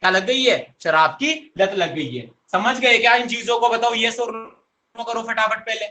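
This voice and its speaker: A young male teacher with a high, bright voice leads an online grammar class. He coaxes his students, repeats his own questions and answers them himself. The sound bounces around an echoey room. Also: unhurried. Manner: coaxing, addresses students directly.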